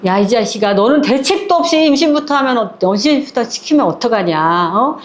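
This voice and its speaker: A woman's voice: on the high side, expressive, a little fast, natural voice. A woman doing a heated angry husband. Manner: heated, scolding. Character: angry young husband scolding his brother.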